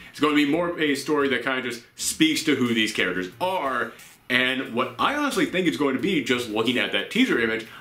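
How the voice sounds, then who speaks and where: Male vlog host, thirties, sharp forceful delivery, exasperated and lively, recorded in an echoey room with audible hiss. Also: medium pitch. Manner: animated, sarcastic, exasperated. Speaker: host of a comics show. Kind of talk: energetic vlog commentary to camera. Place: small indoor room with shelves. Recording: roomy, with steady background hiss.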